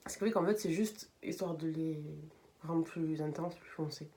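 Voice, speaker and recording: A woman's voice: low-pitched, a little slow, warm tone. A young woman hosting a casual makeup tutorial vlog, chatting and explaining each step with frequent fillers. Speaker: beauty vlogger.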